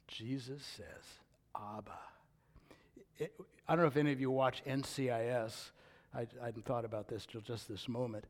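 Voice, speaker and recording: An older man preaching a sermon, reading scripture aloud and swinging between loud, emphatic declarations and hushed, near-whispered lines. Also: medium pitch. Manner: reads scripture aloud with rising intensity. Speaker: pastor.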